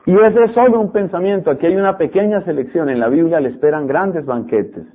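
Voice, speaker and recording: A man preaching a sermon, animated and repetitive, mimicking stubborn voices to make his point. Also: a little high, a little fast, breathy edge. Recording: tinny phone-like radio broadcast.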